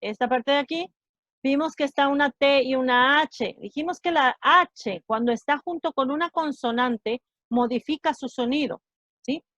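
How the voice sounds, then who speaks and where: A woman's voice: high voice, a bit bright, no room sound. A woman teaching an online English class, explaining sounds patiently and checking understanding often.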